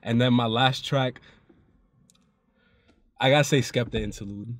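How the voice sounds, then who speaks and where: A man's voice: mid-range voice, steady tone, unhurried, dry recording, studio quality. Laid-back male music show co-host. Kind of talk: casual review chat.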